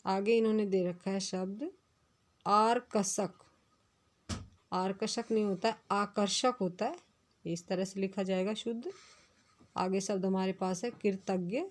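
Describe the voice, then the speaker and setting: A woman teacher giving a recorded class lesson, going slowly and carefully through spelling words. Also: medium pitch, darkish tone. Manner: slow, careful dictation of words. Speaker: school teacher.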